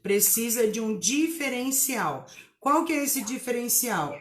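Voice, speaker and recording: A woman's voice: fairly high pitch, animated, unhurried. A woman teaching a live online writing lesson, emphatic, spelling words out and asking rhetorical questions.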